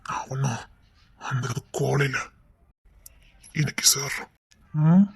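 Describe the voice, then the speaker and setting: A man voicing a brooding young man in an audio love story, speaking in a husky half-whisper. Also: fairly high pitch, fairly even intonation, moderate pace, warm tone. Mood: hurt.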